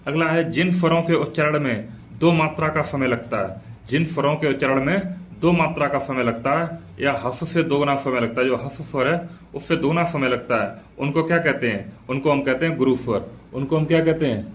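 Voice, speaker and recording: A man's voice: medium pitch, fairly quick, a little hiss or hum. A male teacher giving an exam prep lecture, asking questions aloud and answering them himself, repeating each key point.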